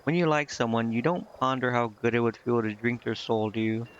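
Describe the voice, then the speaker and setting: Medium-pitched and fairly quick, a man comments casually on the game he's streaming and hesitantly reads its dialogue, stumbling as he goes. Game music sits behind a slightly muffled recording.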